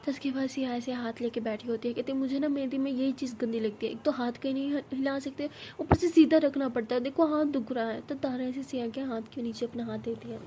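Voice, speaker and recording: A woman's voice: fairly even intonation, fast, few pauses, background noise. A woman telling a love story in a casual spoken way, acting out the characters' lines herself. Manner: acts out both girls' lines with rising pitch and force.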